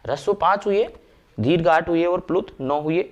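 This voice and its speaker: A man explaining grammar step by step, slowing down to recite verses and sounds. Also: a little high, lo-fi sound. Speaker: Sanskrit grammar teacher. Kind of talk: classroom lecture.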